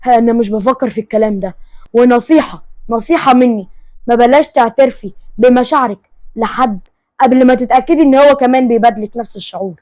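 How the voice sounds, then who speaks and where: A woman's voice: on the high side, quick pace, warm tone, dry recording, natural voice. A woman voicing a proud young man who speaks firmly, with an Egyptian accent. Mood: stern. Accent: Egyptian Arabic. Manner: firm, commanding. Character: stern proud young man, the love interest.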